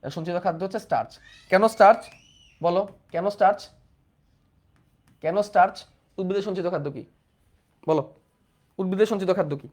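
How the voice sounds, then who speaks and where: A young man teaching a biology exam-prep class, repeating questions and prompting students to answer. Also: sits high. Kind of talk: online exam-prep lecture.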